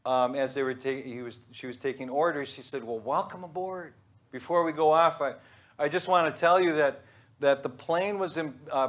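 Man preaching in a church, thirties, casual joking delivery, mid-pitched voice. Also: fairly bright tone. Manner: conversational and joking, with pauses and restarts. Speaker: pastor. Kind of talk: sermon. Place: church sanctuary.

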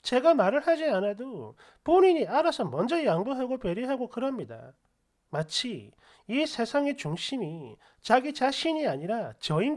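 A woman's voice: a little high, darkish tone. A woman narrating a first-person story in a confiding, frustrated tone.

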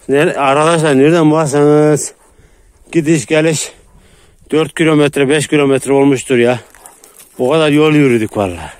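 A man chatting casually to viewers while calling and praising his dogs in the countryside, coaxing them over and over. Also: medium pitch. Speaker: dog owner vlogger. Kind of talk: casual vlog narration while handling dogs. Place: outdoors in rural countryside.

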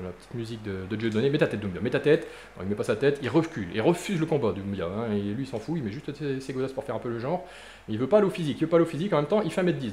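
A young man giving jokey, excitable commentary while playing a football video game. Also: mid-range voice, reverberant, a little hiss or hum. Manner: jokey, excitable, chatty, with playful silly noises. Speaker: gaming YouTuber. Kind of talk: live gameplay commentary.

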